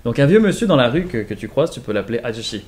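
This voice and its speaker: A man's voice: medium pitch, big pitch swings, fast, darkish tone. Man, patient explainer, casual lesson pace, demonstrates sounds. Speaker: accent teacher.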